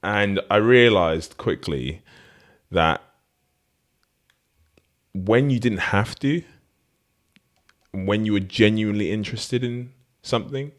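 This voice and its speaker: A man with a very low voice, chatting casually as a podcast host. He rambles and restarts his sentences, laughing often as he talks. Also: takes it slowly, long pauses. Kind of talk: casual conversation.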